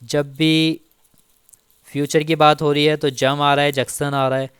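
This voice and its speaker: A man teaching Turkish grammar in a casual spoken lesson, slowly repeating each example and checking in often with the listener. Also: a little high, little pitch movement, a bit bright, smooth, no echo, clean studio sound. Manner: slow, repeats each example with frequent "theek hai".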